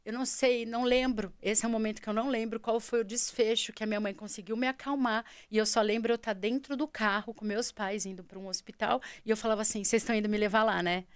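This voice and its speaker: A woman with a Brazilian Portuguese accent, a podcast guest telling a personal story in an animated way and acting out the dialogue. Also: a little high, fast, few pauses, smooth, no room sound. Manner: animated, acts out quoted dialogue.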